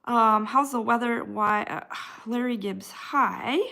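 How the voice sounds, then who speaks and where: Her voice runs on the high side, slow and sharp-toned with vocal fry. She's an American woman with a Midwestern accent, moving through her livestream chat one comment at a time and replying to viewers by name in a casual way.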